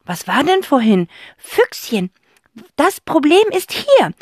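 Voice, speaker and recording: A woman performs a full character voice as a brisk, bossy old aunt, pitched higher than her own voice, with big pitch swings. The recording is dry and clean, made in a studio.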